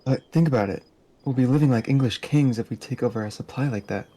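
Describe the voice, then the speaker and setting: A man's voice: medium pitch, fast talker, dark tone, natural voice. A man voicing an eager cowboy outlaw sidekick in a plain voice close to his own. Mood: persuasive. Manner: plain, hardly acted talk.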